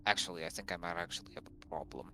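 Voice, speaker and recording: A man's voice: deep voice, quick pace, sharp tone, a little hiss or hum. A man chatting casually as a friend on a game stream, teasing and joking with mock outrage. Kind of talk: casual chat.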